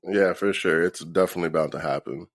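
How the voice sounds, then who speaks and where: Male podcast guest, hungover and laid-back, very low voice with heavy fry, casual swearing, close dry sound. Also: quick pace, no room sound. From Philadelphia. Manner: laid-back, profane, slangy. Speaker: interview guest, band musician. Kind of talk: casual chat.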